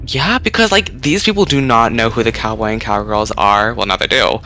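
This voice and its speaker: Male guest, eager and goofy, sharp bright voice, soft music behind. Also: medium pitch, fairly quick. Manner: excitable, gasping, goofy. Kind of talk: casual recap chat.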